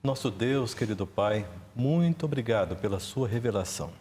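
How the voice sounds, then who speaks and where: Calm male counselor praying in a reverberant studio. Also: fairly low pitch, moderate pace. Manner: calm, earnest prayer voice. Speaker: spiritual counselor. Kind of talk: spoken prayer and studio talk.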